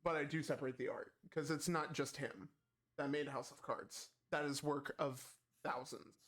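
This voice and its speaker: Podcast co-host, man, a bit high-pitched, chatty and meandering. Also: fairly even intonation, moderate pace, fairly bright tone. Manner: rambling, many fillers and restarts. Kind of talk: casual gaming chat.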